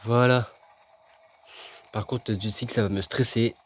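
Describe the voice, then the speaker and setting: A gaming video host, a man, chats casually with himself and his viewers and cracks jokes while he plays a video game. His voice is fairly low and his intonation fairly even, with a measured pace and slight background noise. It's relaxed let's-play commentary.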